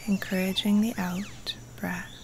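A woman guiding a relaxation meditation in a soft, breathy, partly whispery voice, calm and soothing, with long pauses. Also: mid-range voice, slight background noise. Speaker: yoga nidra teacher guiding a meditation. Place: outdoors or open space in the jungle. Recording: live outdoor recording with jungle wildlife sounds. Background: faint jungle birds and insects.

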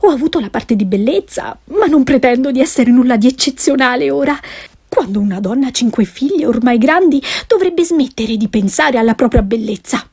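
An excitable, fussy middle-aged mother from an audiobook, as a woman puts her on, her voice pitched well up and bright with eagerness as she exclaims and pleads. The tone underneath stays soft and mellow. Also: brisk, breathy edge, heavily acted. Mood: flattered. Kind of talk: audiobook character reading.

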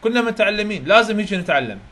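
A man's voice: sits high, animated, rapid-fire, fairly bright tone. Man teaching pronunciation in class. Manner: coaxing, repeats sounds for students to copy. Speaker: university English teacher. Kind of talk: classroom phonetics lesson in Arabic and English.

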